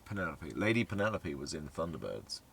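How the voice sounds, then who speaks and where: Low-voiced, joking southern English man. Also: very animated, brisk, vocal fry, fairly bright tone, slight background noise. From England. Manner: joking, playful, breaks into silly sung ditties. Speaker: co-host. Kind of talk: casual Q&A chat.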